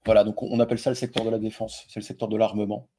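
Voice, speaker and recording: Man, husky, low, casual, talks straight to the viewer, many fillers. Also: little pitch movement, racing, dark tone. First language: French. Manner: informal, lots of fillers, addresses the viewer directly. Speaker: investing video host. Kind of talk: casual explainer with a familiar tone.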